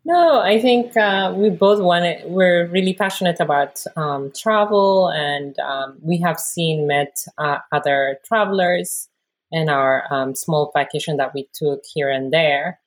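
A woman's voice: low voice, measured pace. A woman from Ethiopia, a podcast guest, speaking carefully with fillers.

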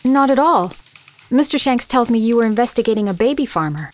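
Actress as proper, determined lady reformer, highish voice. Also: lively intonation, a little fast, a little mellow, faint music behind, close to an everyday voice. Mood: polite. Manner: proper, earnest, articulate. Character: well-bred, determined female reformer, indignant. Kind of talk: period drama acting.

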